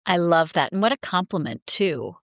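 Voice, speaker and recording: A woman's voice: on the low side, expressive, normal speed, no echo, clean studio sound. A woman hosting an interview, enthusiastic and affirming as she asks her guest questions. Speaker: podcast host. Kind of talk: conversational interview.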